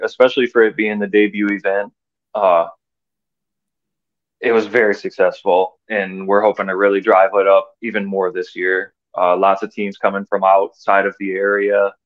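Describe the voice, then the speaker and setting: A man with a low voice chats as a podcast guest, easygoing and plain-spoken, often stopping on "uh". The sound is dull and lo-fi. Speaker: podcast guest, wrestling tournament organizer. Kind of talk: casual chat.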